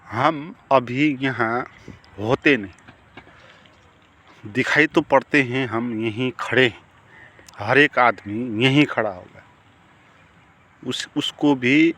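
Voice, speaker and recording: A man's voice: mid-range voice, fairly bright tone. A man giving a spiritual talk on meditation as a teacher, reflective and asking rhetorical questions. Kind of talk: spiritual discourse.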